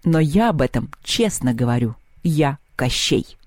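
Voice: medium pitch, animated, a little slow, no room sound. A reader voicing a scheming, mocking ancient female villain who giggles and sneers.

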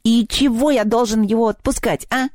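A woman's voice: on the high side, fairly even intonation, normal speed, a little mellow, no room sound, studio quality, pitched above the performer's own voice, close to an everyday voice. Woman putting on a wailing little house spirit. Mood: whining. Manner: wailing, whining, sulky. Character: whiny mischievous little male school house-spirit.

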